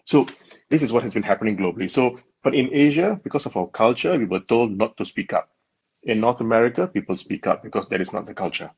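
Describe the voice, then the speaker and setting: A Malaysian man appears as a guest in a conversational interview, explaining things earnestly and laughing often. His voice is low-ish, fast and slightly rough, captured with a dull, lo-fi sound.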